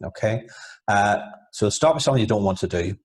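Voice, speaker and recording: Man explaining low-voiced hypnotherapist, repeating himself. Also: lively intonation, fairly quick. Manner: explanatory, repeats words and restarts often. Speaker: hypnotherapist guest. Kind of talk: casual interview over video. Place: home, over a video call.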